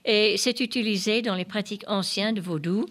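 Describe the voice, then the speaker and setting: A woman co-hosting a radio music show, explaining background in a deliberate manner with occasional fillers. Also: mid-range voice, a bit bright. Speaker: radio co-host.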